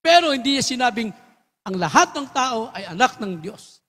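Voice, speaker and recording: Very high-voiced fervent male preacher. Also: big pitch swings, normal speed, big-room sound. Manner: fervent, swings from hushed to shouting praise; keeps addressing listeners as beloved ones. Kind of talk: sermon.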